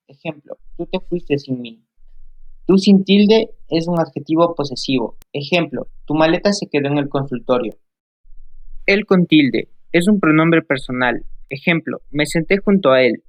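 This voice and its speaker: A man's voice: on the high side, no echo. A young man from Ecuador, a student, reading out spelling rules and examples, sometimes stumbling and repeating words. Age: young adult. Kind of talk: reading a spelling lesson aloud.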